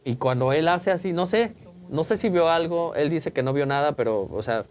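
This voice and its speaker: A man's voice: on the high side, lively intonation, moderate pace. Man telling a spooky story. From Mexico. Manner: colloquial, vivid, acts out quotes and sounds. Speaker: podcast host. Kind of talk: casual storytelling.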